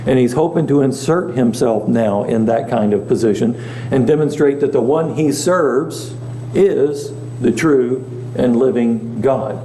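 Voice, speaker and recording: A man's voice: medium pitch, unhurried, warm tone. A male pastor teaching a Bible class in a chatty way, often asking the class questions. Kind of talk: conversational Bible lesson. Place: church meeting room. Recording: echoey room, faint hum.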